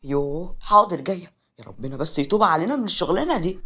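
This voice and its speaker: A man's voice: a little high, very animated, quick pace, bright, forceful tone, voice pushed up, heavily acted. A man voicing a nosy, grumbling young maid in an Egyptian accent, in a read-aloud story. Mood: flustered.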